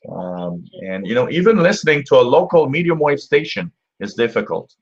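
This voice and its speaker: A man talks casually as the host of a hobby radio live stream. His medium-pitched voice is halting and explanatory, with slightly dull, lo-fi sound. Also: big pitch swings. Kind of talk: casual live commentary, answering viewers.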